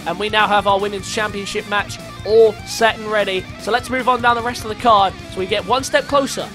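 A man giving excitable play-by-play commentary on a wrestling match, rising to shouts at the big moves. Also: high-pitched, brisk, over music.

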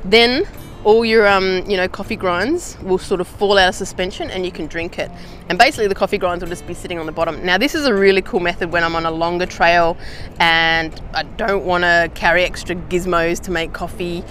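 An Australian woman vlogging outdoors in a casual how-to chat, slangy and relaxed with easy laughs. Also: fairly low pitch, brisk, faint music behind. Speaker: hiking vlogger.

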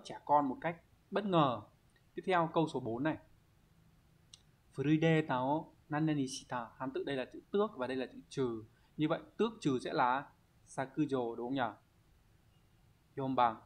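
A male language teacher reviews test questions one by one, explaining each answer step by step. His voice sits at an ordinary middle pitch. He keeps a patient, explanatory tone and often pauses to ask whether his students are following.

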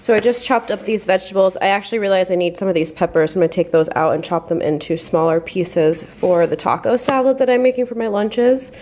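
A woman's voice: mid-range voice, fairly even intonation, fairly quick, hardly any pauses, a little mellow. A young woman in her twenties chatting casually as she talks through her cooking in a home kitchen, filming herself at arm's length. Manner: chatty, filler-heavy, explaining as she cooks. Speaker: lifestyle vlogger. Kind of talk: casual vlog narration. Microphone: phone or camera held at arm's length. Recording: noticeable kitchen background noise.

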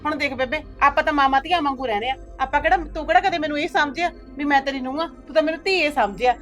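Brief: woman as peacemaking young daughter-in-law, high voice, talks fast. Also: fairly bright tone, faint music behind. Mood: coaxing. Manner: coaxing, soothing, persuasive. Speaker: daughter-in-law in a family drama. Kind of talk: village web-series acting.

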